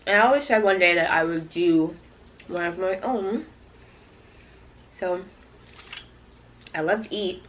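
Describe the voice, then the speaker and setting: A woman's voice: fairly low pitch, unhurried, pauses often, a bit bright. A woman from Canada talking casually and directly to her viewers in a chatty storytime vlog. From Toronto, Canada. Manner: conversational, addressing viewers directly. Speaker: YouTube vlogger.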